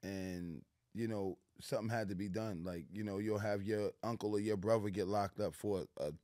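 A man's voice: on the low side, fairly even intonation, moderate pace, mellow, no room sound, studio quality. A middle-aged man with a New York accent, a guest in a casual interview, talking in a laid-back street manner full of "you know what I'm saying". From New York City. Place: small studio lounge with plants, indoors. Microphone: studio mic on a boom arm.

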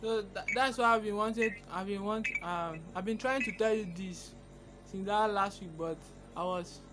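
High-pitched, hesitant young man. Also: normal speed, music in the background, rough recording. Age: young adult. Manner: hesitant, stammering. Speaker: prankster son on a phone call. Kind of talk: casual prank call. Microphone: phone camera at arm's length.

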